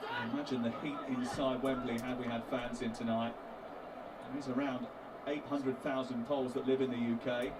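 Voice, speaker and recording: A man doing live play-by-play football commentary on TV, calmly naming players as the play moves. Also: mid-range voice, normal speed, crowd noise. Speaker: TV match commentator. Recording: distant broadcast audio with loud noise.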